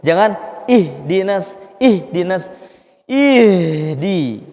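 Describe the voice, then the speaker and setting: Patient recitation teacher, a man with a high voice who drills sounds slowly, heard with a reverberant hall. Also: expressive, darkish tone. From Indonesia. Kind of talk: Quran recitation lesson.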